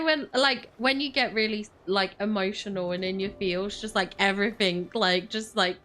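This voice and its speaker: Female gamer: casual commentary, mid-pitched, giggly, openly emotional. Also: pushed and bright.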